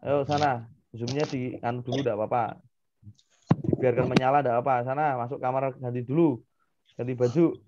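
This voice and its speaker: A man, a primary school teacher giving an online class to children, animated and acting out parents and kids. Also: medium pitch, moderate pace, long pauses, highs cut off, background noise.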